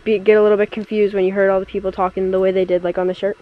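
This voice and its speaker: Quick-talking young woman interviewer, slightly muffled. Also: mid-range voice, flat delivery. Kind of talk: casual on-location interview. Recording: dull lo-fi sound, faint location noise.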